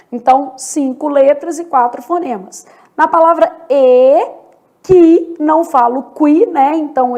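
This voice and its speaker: A high-voiced Brazilian woman teaches a grammar lesson for exam prep. She works at an unhurried pace and lets each point land. She often asks the class a question and answers it herself. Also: a little mellow. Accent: Brazilian Portuguese. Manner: slow and deliberate, asks and answers own questions. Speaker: Portuguese teacher.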